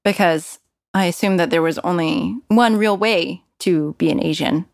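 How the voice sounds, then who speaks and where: With a lowish voice at normal speed and some vocal fry, an American woman from the San Francisco Bay Area tells personal stories candidly, conversationally and with wry self-deprecation. The studio-quality recording has no room sound, only music underneath her voice.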